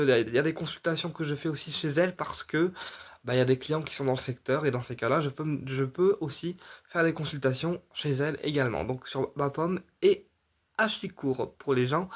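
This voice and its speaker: A man's voice: on the high side, slightly rough. Rambling man. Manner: rambling, repeats himself, many fillers and restarts; addresses viewers directly, checking in with "d'accord". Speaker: medium offering paid readings. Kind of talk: casual direct-to-camera explanation.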